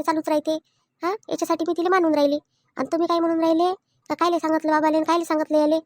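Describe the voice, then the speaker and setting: A woman voicing a sensible sister-in-law in a cartoon family drama who calms and advises, speaking. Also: very high-pitched, no echo, clean studio sound. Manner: soothing, advising.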